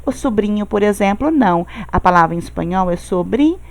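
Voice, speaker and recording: Uma professora brasileira de espanhol, que explica devagar e sempre confere com os alunos. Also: female voice, mid-range voice, expressive, gravelly. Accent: Brazilian Portuguese. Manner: explains slowly, checking with "tá certo?". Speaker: Spanish teacher. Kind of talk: recorded online class.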